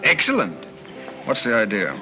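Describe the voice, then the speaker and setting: A man's voice: medium pitch, huge pitch swings, moderate pace. Casting: breezy society man, screwball comedy banter, swooping delivery, dull vintage soundtrack. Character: breezy, bemused society man, old college chum. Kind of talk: 1930s screwball comedy film acting, bantering. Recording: band-limited 1930s film soundtrack with music.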